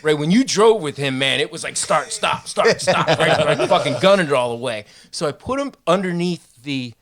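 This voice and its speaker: Animated man telling stories. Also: a little fast. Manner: animated, swearing, mimics others in a higher voice. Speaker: podcast co-host. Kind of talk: casual storytelling chat.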